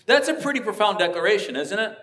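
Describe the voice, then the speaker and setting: A man's voice: high voice, sing-song, fast talker, fairly bright tone. Earnest, emphatic male pastor preaching. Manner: earnest, emphatic, builds to passionate peaks. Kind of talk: sermon. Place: church sanctuary.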